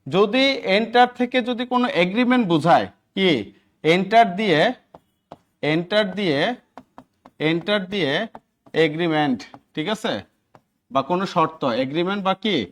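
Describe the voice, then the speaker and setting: A man's voice: high-pitched, expressive, moderate pace, pauses often. A Bangladeshi man teaching English grammar in a lecture, constantly checking in with his students. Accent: Bangladeshi Bengali. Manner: drills students with repeated check-ins. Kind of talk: classroom lecture.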